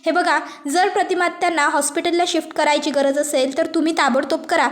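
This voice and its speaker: A woman's voice: high voice, fairly even intonation, brisk, lightly acted. A woman voicing an anxious young woman who pleads urgently in a story retelling. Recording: roomy echo.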